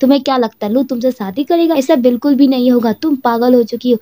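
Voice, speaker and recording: A woman's voice: high voice, quick pace, mellow, dry recording, lightly acted. A woman voicing a stern mother who warns and scolds her daughter. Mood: warning. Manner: warning, scolding.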